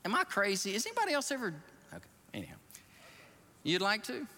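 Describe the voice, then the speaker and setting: A man preaching as a pastor, telling a story in an animated, excitable way and jumping up in pitch to act out scenes, in a church sanctuary. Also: fast talker. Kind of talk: storytelling sermon. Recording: reverberant hall.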